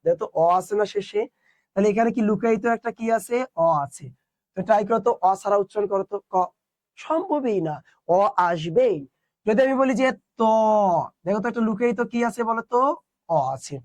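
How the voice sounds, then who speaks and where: A man's voice: sits high, brisk, a little mellow, no echo. A young man teaching an online class, explaining step by step and asking his students questions.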